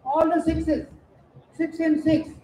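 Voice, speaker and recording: Bingo caller: Indian man, very high voice, announcing numbers digit by digit over an echoey event PA. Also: flat delivery, takes it slowly, slight background noise. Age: middle-aged. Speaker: bingo caller at a Diwali party. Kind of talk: bingo calling over a microphone, drawn-out numbers and rhyming nicknames. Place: outdoor evening party in front of a stage. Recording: echoey event PA with loud music behind.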